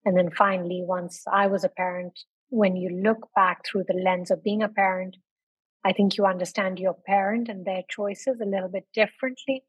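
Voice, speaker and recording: A middle-aged woman talks in a husky, slightly breathy voice, reflective and measured, often pausing on an um. The sound is dry, with little room around it, as if she is on a remote call. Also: mid-range voice, steady tone, no echo, poor audio. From born in London, raised in India. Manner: reflective, measured, with frequent ums. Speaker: podcast guest, author. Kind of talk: conversational interview.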